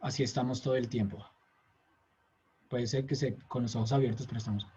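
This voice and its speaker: A man's voice: mid-range voice, steady tone, fairly quick, mellow, husky. A man giving a conversational lecture, often checking in with his listeners. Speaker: teacher. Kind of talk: recorded lecture. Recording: dull lo-fi lecture recording.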